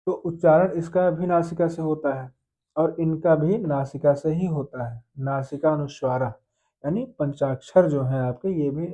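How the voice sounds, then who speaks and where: Teaching grammar one step at a time, this man speaks in a somewhat high but dark-toned voice, raising questions only to answer them himself. The audio is dull and lo-fi.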